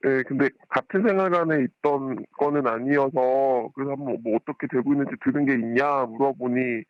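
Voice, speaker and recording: A parent calling in anonymously, whose voice is disguised with a pitch-shifting voice changer, speaking hesitantly with many pauses. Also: dry recording, dull audio. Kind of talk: phone-in interview.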